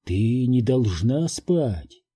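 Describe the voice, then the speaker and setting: A man voicing a cruel, sneering male ghost that taunts slowly and repeats words. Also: medium pitch, sing-song, mellow, slightly rough, heavily acted. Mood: coaxing, mocking. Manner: slow, taunting repetition.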